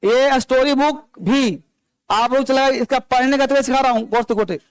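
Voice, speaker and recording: A man's voice: extremely high pitch, moderate pace, smooth, no echo. A man teaching an English class, explaining grammar and calling out instructions to his students. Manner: instructive, calls on students and drills them.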